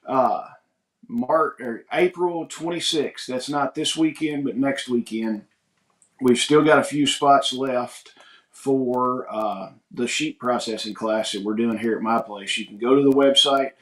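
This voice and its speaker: Man in his forties, folksy rambling livestream host, mid-pitched voice, roomy echo. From United States. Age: 40s. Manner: rambling, folksy, reads viewer comments aloud. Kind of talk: casual livestream chat. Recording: echoey room.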